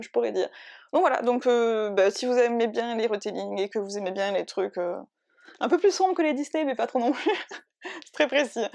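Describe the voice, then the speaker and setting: A bubbly woman chats casually to camera about books and drawing. Her voice sits a little high, and she rambles, corrects herself mid-sentence and breaks into laughter easily. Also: a little mellow. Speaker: book and art vlogger.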